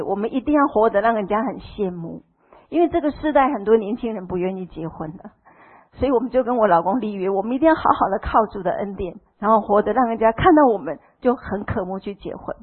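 Her voice husky and mid-range, a middle-aged church member with a Taiwanese Mandarin accent shares her testimony before the congregation. She tells it with emotion, performing the dialogue she quotes. The recording has a tinny, phone-like quality.

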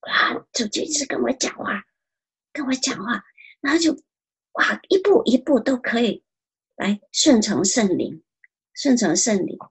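Husky woman giving earnest testimony. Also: on the high side, very animated, normal speed. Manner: earnest, repeats phrases. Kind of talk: spoken personal testimony.

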